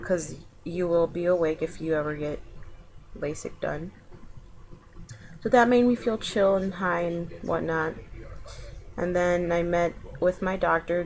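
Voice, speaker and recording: A woman's voice: fairly low pitch, a little hiss or hum, rough recording. A woman vlogger casually recounting an experience in a laid-back, colloquial way, often trailing off.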